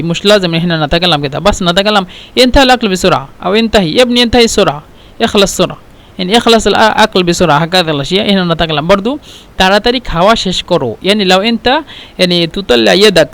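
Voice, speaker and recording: Quick, high-voiced male language teacher. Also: fairly bright tone. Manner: repeats words and explains them one by one; non-native, broken Egyptian Arabic. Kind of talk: casual spoken lesson.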